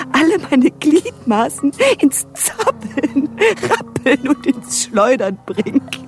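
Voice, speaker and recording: An actress voicing a haunted young prophetess in a radio play, narrating in the first person with intense delivery that sinks into whispers. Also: female voice, sits high, darkish tone, full character voice.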